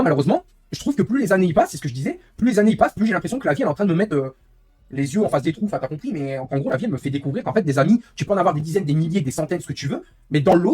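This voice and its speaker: A young man talks to his live-stream viewers in a rapid, rambling, candid flow. His voice is husky and sits a little high for a man, with faint music underneath. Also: darkish tone. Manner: rambling, candid, quick, frequent "hein". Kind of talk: casual live-stream chat.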